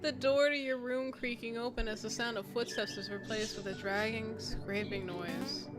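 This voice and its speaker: A woman's voice: fairly high pitch, steady tone, normal speed. A woman streamer reading a story aloud in narration, with casual asides. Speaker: streamer host. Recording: prominent music under the voice. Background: music.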